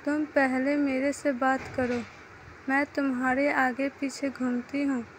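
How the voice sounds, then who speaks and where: Brief: woman reading a demanding, jealous young wife, high and slow. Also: flat delivery, a little hiss or hum, poor audio. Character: jealous young wife, scheming sister-in-law.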